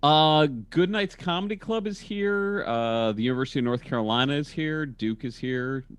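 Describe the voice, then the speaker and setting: A man chatting over a video call about his comedy work, jumping up in pitch whenever he quotes people in his stories. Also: moderate pace, smooth. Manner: animated storyteller with sudden pitch jumps when quoting people. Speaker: comedian and comedy label engineer. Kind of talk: casual video-call podcast chat. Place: home in a college town.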